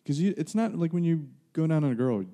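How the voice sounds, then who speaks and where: A man's voice: a little high, expressive, quick pace, mellow. A man hosting a casual podcast chat, making dry joking remarks. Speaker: podcast host.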